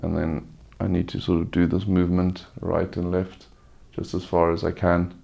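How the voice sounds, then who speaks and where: A man gives an unscripted vlog-style update while weary from surgery. His voice is deep and very creaky, with an almost completely flat melody. He talks in a subdued, halting way, nursing a sore throat. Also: highs cut off. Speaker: vlogger giving a recovery update. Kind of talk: casual personal update, unscripted.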